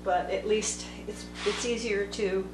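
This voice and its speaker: Slow-talking woman teaching watercolor. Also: medium pitch, steady tone. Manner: slow, thinking aloud while painting. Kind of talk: unscripted painting tutorial narration. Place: indoor table workspace. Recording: echoey room with background music. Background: soft instrumental music.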